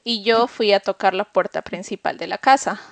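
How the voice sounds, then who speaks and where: A woman's voice: medium pitch, normal speed, gravelly, no room sound. A woman co-hosting a podcast, casually telling a confessional, self-mocking story with lots of fillers. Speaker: podcast co-host.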